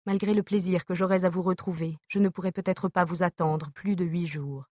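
Brief: woman audiobook reader, measured letter reading, lowish voice, dry close sound. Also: steady tone, darkish tone, dry recording. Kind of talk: reading an epistolary novel aloud.

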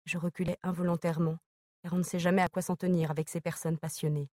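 A woman reading a novel aloud as narrator, in a measured, even manner. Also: fairly low pitch, dry recording, clean studio sound. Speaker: audiobook narrator.

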